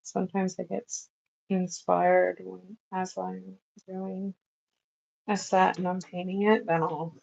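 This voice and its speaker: A woman's voice: fairly low pitch, flat delivery, slow, creaky, a little mellow, low-quality recording. A woman livestreaming as she does nails, chatting casually in a rambling, easygoing way with lots of fillers. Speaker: nail art livestreamer. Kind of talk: casual livestream chat while working.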